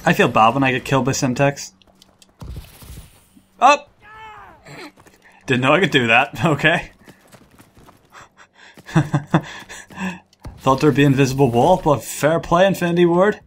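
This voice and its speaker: A man's voice: mid-range voice, measured pace, long pauses, fairly bright tone. A man giving casual, playful gameplay commentary, rambling along, repeating words and exclaiming. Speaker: gamer recording gameplay commentary.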